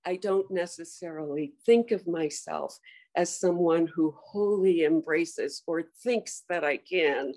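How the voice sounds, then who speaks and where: A woman reflecting in a slow, measured way on her volunteering in a church group. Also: sits low, a little mellow.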